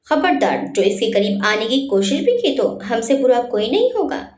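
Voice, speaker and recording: A woman voicing an angry, possessive young man who shouts and gives orders in a storybook reading. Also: fairly high pitch, sing-song, normal speed, echoey room. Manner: shouting, commanding.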